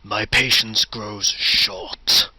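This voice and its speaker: A man's voice: lowish voice, fairly even intonation, very slow, sharp tone, slightly rough, full character voice, poor audio. A man playing an imperious, pompous supervillain overlord. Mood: impatient. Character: imperious, impatient supervillain overlord, grandly evil and haughty. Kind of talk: audio comedy villain acting.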